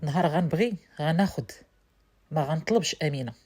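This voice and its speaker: A brooding young man speaks in a low, hushed, intimate way, tender yet possessive, as a woman reading a love story puts him on. His Moroccan accent colours every line, and he talks at a brisk clip. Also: animated.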